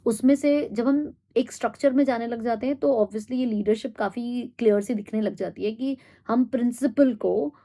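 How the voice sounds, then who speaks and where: A woman giving a reflective monologue, thinking aloud with pauses and fillers and mixing in English phrases. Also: fairly high pitch, warm tone. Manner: thoughtful, pauses with fillers, mixes Hindi and English. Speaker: host.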